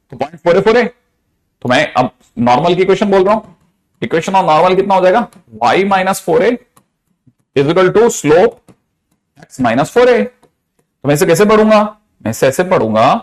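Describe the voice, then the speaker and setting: A man teaching a math class in a lively, teasing way, often repeating questions to get students to answer. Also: a little high.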